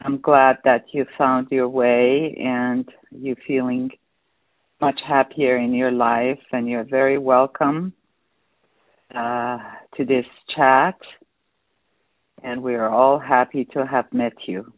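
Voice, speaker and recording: A man hosting a casual online group chat, relaxed and laughing easily as he welcomes people. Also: mid-range voice, takes it slowly, no echo. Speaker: chat host. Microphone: online call. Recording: tinny phone-like line.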